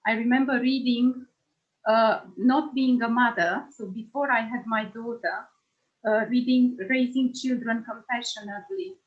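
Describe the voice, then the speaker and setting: Woman trainer, high-ish voice, slow and earnest, muffled lo-fi call audio. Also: steady tone. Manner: earnest, thoughtful. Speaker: nonviolent communication trainer. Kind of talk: personal reflection in a group call. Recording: dull lo-fi sound.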